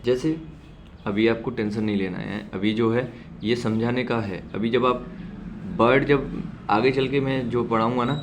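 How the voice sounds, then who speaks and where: Guy teaching shorthand real slow, repeats words loud, bit of background hiss. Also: medium pitch, steady tone. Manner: reassuring asides to learners. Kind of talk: classroom lesson.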